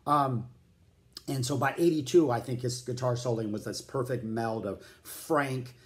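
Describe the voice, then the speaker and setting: A man's voice: medium pitch, a little slow. A man giving a casual spoken album review, rambling and enthusiastic, with lots of "like" fillers, scatting riffs aloud and mentioning he feels hot. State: feeling hot. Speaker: music vlogger reviewing albums.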